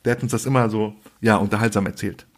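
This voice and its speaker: A man's voice: on the low side, fast. A man co-hosting a podcast, telling a story in casual chat and acting out the people in it. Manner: animated storyteller acting out quotes. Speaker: podcast co-host.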